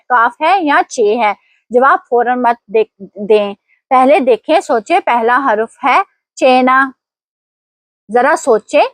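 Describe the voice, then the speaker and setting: A woman teacher giving an online language lesson, explaining pronunciation rules slowly and quizzing her viewers. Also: high voice, a bit bright, dry recording. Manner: slow, deliberate explanations with quiz prompts.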